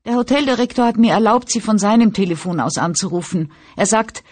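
A woman reading an audiobook, voicing a whiny, tearful young woman of eighteen who rushes her words while crying. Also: mid-range voice, a little mellow, breathy edge, voice pushed up, lightly acted. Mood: whining, tearful. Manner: whining, sobbing, rushed. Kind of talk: audiobook character voice.

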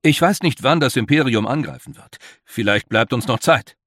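A man's voice: medium pitch, animated, moderate pace, fairly bright tone, dry recording, studio quality. A man voicing a grave, worried older male leader who speaks in an earnest, emphatic way.

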